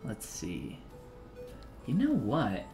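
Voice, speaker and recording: A man's voice: lowish voice, huge pitch swings, very slow, over music. A man in his thirties, talking casually and joking while he teaches 3D sculpting on a live stream, reading chat messages aloud between steps.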